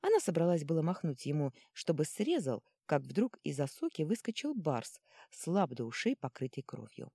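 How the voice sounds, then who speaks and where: A woman narrating a fantasy novel in a lively, expressive reading. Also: sits low, moderate pace, few pauses, slightly rough, dry recording, studio quality. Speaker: audiobook narrator.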